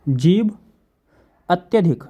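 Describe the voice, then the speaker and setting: A man with a fairly high voice teaches a class. He repeats each definition slowly and keeps asking his students questions to check they follow. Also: expressive, dark tone, husky. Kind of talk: classroom lecture.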